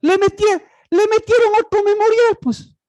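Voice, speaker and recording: A preacher with a notably high voice delivers a sermon. They pose questions and answer them, then leap from loud, high cries to low, quiet murmurs. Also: steady tone, moderate pace, poor audio. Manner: asks and answers own rhetorical questions.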